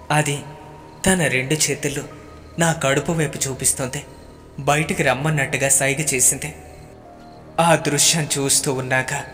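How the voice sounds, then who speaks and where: A man telling a first-person horror story in a steady, measured storytelling voice. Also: mid-range voice. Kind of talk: scripted horror narration. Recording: long reverb with faint background music.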